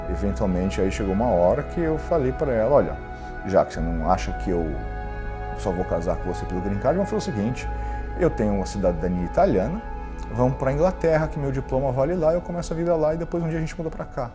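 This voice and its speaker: A man's voice: mid-range voice, fast talker, over music. A middle-aged man from Brazil, a lawyer and entrepreneur, tells his own story frankly in an interview and acts out what other people said to him. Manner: candid, animated, quotes others in dialogue.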